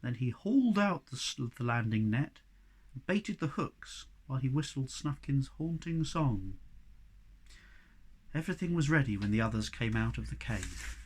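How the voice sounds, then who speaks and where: A man, a primary school teacher, reading a children's storybook aloud in an expressive way. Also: mid-range voice, normal speed, husky.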